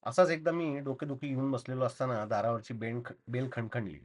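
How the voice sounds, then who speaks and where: A man reading a short story aloud in a calm, steady first-person narration. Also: medium pitch, a little fast.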